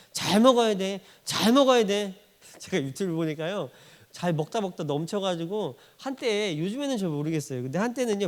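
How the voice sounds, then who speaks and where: A male pastor preaching a sermon in a church, acting out quoted voices and laughing often. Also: sits high.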